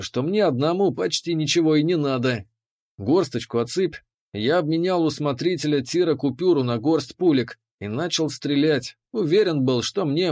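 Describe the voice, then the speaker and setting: A man narrating an audiobook in the first person, measured and dryly ironic. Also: fairly high pitch, a little mellow.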